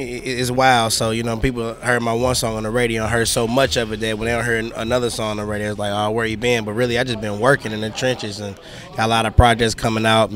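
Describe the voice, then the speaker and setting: A man's voice: fairly low pitch, fairly bright tone. A male rapper giving a casual, slangy interview, peppering his talk with conversational tag phrases. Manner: slangy, full of 'you know what I mean' tags. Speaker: rapper and musician being interviewed. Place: music awards event.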